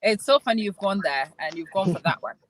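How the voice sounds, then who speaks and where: A woman's voice: mid-range voice, lively intonation, quick pace, rough recording. A woman hosting a casual group book discussion, thinking aloud in a reflective, self-deprecating way. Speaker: book club host.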